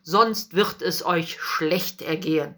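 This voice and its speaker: A woman voicing stern, indignant temple priests in a storybook reading, speaking in a raised, higher voice. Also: slow, pushed and bright, exaggerated voice. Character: stern angry temple priests, older men.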